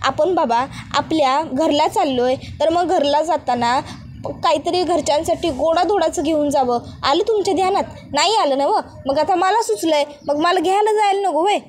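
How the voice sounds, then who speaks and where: A woman's voice: high voice, normal speed, close to an everyday voice. Krishna, a woman doing a blunt rustic village wife. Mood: scolding. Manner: blunt, chattering, loud.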